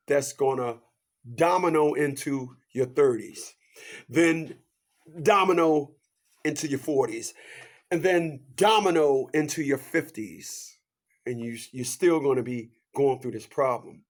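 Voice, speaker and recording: Speaking unhurriedly, a fifty-something man delivers a preachy motivational monologue. He poses rhetorical questions, keeps returning to his catchphrases, and drops from loud, high outbursts into hushed asides.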